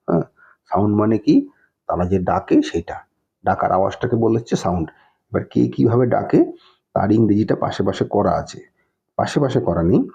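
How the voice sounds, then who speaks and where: Male primary teacher, mellow husky voice, spells words out letter by letter. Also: lowish voice. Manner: patient, checks in with "হ্যাঁ?" after nearly every phrase. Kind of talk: explaining a textbook lesson. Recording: dull lo-fi recording.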